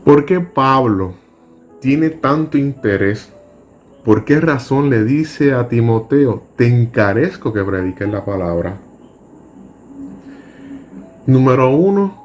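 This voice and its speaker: A man teaching a Bible school class, reading scripture verses aloud and explaining them in a deliberate, measured way. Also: medium pitch, darkish tone. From Puerto Rico.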